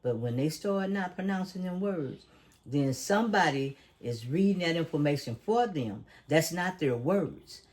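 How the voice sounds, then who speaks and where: A man's voice: on the high side, animated, a little slow, darkish tone. A man hosting a casual talk show, preachy and emphatic, who often asks leading questions. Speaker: podcast host. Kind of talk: casual conversational commentary.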